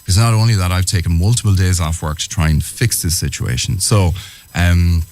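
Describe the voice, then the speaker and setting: A man giving a personal account as a radio interview guest, speaking earnestly with halting, hesitant phrasing. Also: deep voice, a little mellow. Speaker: interviewed guest, small business owner.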